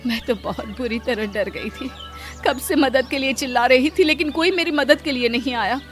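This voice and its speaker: A woman's voice: high voice, moderate pace, soft background music, lightly acted. A woman voicing a stern, commanding wealthy mistress of the house in a cartoon story. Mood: remorseful. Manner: scolding, commanding.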